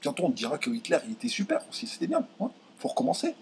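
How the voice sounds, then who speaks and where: This young French commentator fires off his rant rapidly in a darkish tone, his pitch swinging hugely and leaping high when outraged. Heated and indignant, he addresses viewers directly, stumbling and restarting a lot, with slight background noise behind him.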